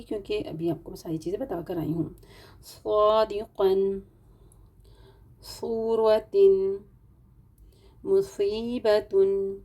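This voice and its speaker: A woman's voice: lowish voice, dark tone, slightly rough. A woman teaching a Quran recitation lesson, explaining patiently step by step and stretching out example words. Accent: Urdu-speaking, Pakistani. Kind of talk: online tajweed lesson.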